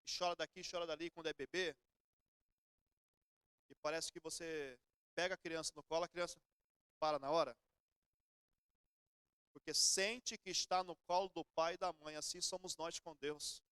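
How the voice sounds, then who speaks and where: A man's voice: a little high, fairly bright tone, clear, resonant tone, dry recording, clean studio sound. A middle-aged Brazilian man preaching a sermon in church, telling everyday stories in a conversational way. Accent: Brazilian Portuguese. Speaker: pastor.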